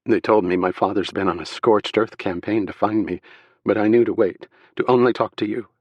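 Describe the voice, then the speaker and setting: A frightened young wife speaks through tears, her voice cracked and aching, as a man puts her on in an audiobook. She pitches high above the reader's low natural register and sounds fragile and pleading. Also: fairly even intonation, fairly quick, breathy edge, dry recording, muffled recording. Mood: tearful relief. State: crying.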